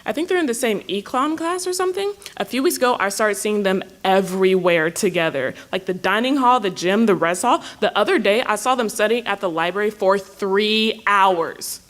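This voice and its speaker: A woman's voice: medium pitch, animated, moderate pace, hardly any pauses, a bit bright, close to an everyday voice. Woman playing a heartbroken student fixated on her ex. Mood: wistful. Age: young adult. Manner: rambling, giggly, obsessive. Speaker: student acting in a skit.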